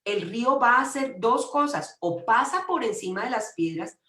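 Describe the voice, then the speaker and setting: A woman's voice: on the high side, expressive, normal speed, sharp tone. A woman giving a conference lecture, speaking emphatically and often restarting her sentences. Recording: echoey room.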